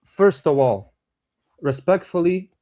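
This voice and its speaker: A man's voice: a little high, animated, slow, dark tone. A man in his twenties with a Bosnian accent, calling in to a debate show and explaining his point politely and hesitantly. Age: 20s. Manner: hesitant, polite, full of uh fillers. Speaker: caller. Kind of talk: debate call-in.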